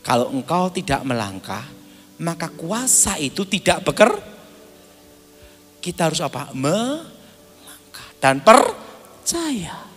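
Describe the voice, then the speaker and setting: A man preaching, his voice high and bright with wild swings in pitch as he acts out the voices in his own story. He talks slowly and laughs often. The sound rings through a large hall with faint music underneath. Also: big pitch swings. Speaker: pastor. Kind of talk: sermon with personal testimony.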